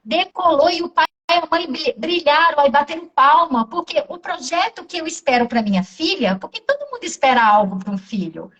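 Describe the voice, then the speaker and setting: Woman, Brazilian accent, therapist in an interview, fairly high voice, animated storytelling, acts out dialogue. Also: brisk, hardly any pauses, distant mic, low-quality recording.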